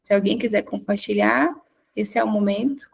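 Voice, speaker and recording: A woman leading a women's prayer meeting, speaking slowly and measuredly, a little off the mic. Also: medium pitch, vocal fry, slightly rough. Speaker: prayer group leader.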